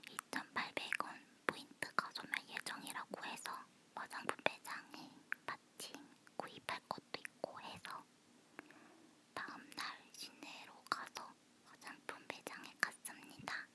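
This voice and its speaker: A woman chatting in a soft, close ASMR whisper, as if leaning in to the listener. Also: unhurried. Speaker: ASMR host. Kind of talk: whispered ASMR personal chat.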